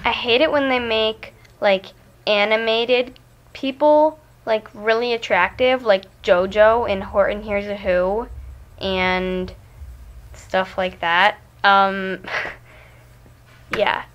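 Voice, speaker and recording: A woman's voice: steady tone, slow pace. A teenage girl ranting to camera in a casual home video, chatty and full of fillers, acting out what other people say. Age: teens. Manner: chatty, filler-heavy, acts out quoted people. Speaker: vlogger. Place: room at home. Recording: dull low-fi webcam audio.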